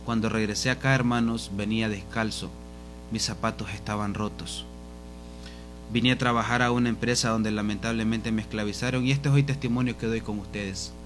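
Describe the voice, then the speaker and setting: A man preaching a sermon in a fervent, pleading way, his voice dropping soft each time he addresses the congregation. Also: fairly low pitch, fairly even intonation, brisk, faint music behind.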